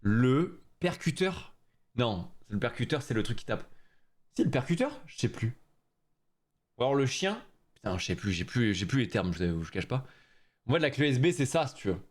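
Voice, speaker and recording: A man's voice: medium pitch, sing-song, normal speed. A young man chatting with his viewers during a live stream, joking in slangy talk. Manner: slangy, joking, talks straight to chat.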